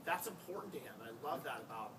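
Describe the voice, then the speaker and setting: An American man, a high school basketball coach, giving an informal tribute speech in a conversational, anecdotal way with emphatic repetition. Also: expressive, fast talker. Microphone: distant microphone. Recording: noisy, distant-miked live room recording.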